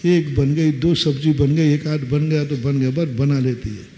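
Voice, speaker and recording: Slow, higher-pitched male preacher; plays out voices in his anecdotes; reverberant hall, faint background noise. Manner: slow, lively storytelling with acted quotes. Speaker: Jain monk preacher. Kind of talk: sermon. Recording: long reverb, faint ambience.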